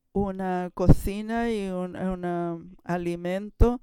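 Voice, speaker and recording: Mellow, smooth-voiced preacher telling a story. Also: mid-range voice, no echo. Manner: halting, with frequent restarts and sudden swings in loudness. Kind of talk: sermon storytelling.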